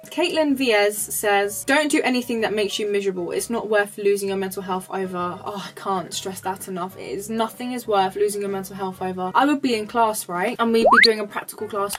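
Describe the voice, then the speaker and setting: A young woman talks straight to camera in a casual advice vlog. She is blunt and passionate, swears freely, and reads viewer comments aloud between her own opinions. Soft music sits faintly behind her voice. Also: medium pitch, rough recording. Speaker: vlogger.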